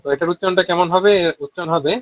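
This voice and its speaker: Bengali-accented male teacher, fairly high voice, chants syllables slowly and steadily, dry close sound. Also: fairly even intonation, no room sound, low-quality recording. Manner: explains quickly, then chants syllables slowly and drawn out. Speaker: Vedic recitation teacher. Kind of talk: online pronunciation lesson.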